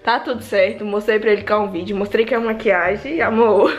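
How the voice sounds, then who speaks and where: A woman's voice: mid-range voice, a little fast, soft background music. A young woman with a Brazilian accent talking casually in a prank vlog, emphatic and repetitive. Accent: Brazilian Portuguese. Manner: emphatic, repeats herself, uses slangy address. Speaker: vlogger girlfriend pulling a prank. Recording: echoey room.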